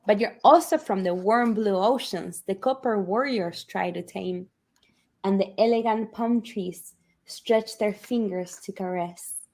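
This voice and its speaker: A woman's voice: medium pitch, a little mellow. A woman reading as a tender old grandfather. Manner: slow, tender storybook reading. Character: wise loving old grandfather.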